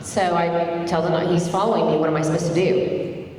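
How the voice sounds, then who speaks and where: This middle-aged woman talks briskly at a fairly low pitch, telling her own story to a community dialogue event in a hall. She's from Tulsa, Oklahoma, her first language is Turkish, and her conversational delivery gets animated during retold events. Expect echo, a distant mic and faint background noise.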